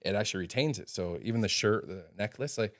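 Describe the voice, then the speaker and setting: A man who owns a bakery, a podcast guest, telling stories in a relaxed, rambling way. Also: lowish voice, fast. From Ontario, Canada. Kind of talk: casual chat.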